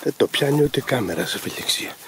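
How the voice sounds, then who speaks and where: A man's voice: mid-range voice, expressive. A man training hunting dogs outdoors, explaining his methods in an instructive, emphatic way. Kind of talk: explaining to camera while working dogs. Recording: loud outdoor noise with barking dogs. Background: dogs barking.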